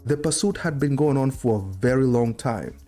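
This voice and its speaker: Speaking close to a desktop microphone at a desk indoors, a middle-aged male host offers informal, conversational historical commentary that explains as it goes. His mid-range, dark-toned voice has lively intonation and a moderate pace, with faint music in the background.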